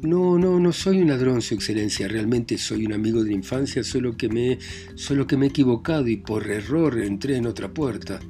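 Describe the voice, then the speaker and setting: A man playing a groveling, pleading gentleman. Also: medium pitch, fairly quick, faint music behind, natural voice. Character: pleading, humiliated middle-aged man caught under a bed.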